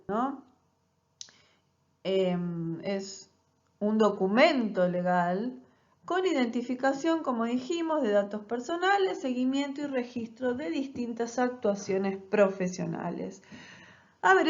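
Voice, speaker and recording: Nurse lecturer woman, fairly high voice. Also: dull audio. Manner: explanatory, many rhetorical "¿no?" checks and fillers. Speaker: nursing lecturer. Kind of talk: recorded online class.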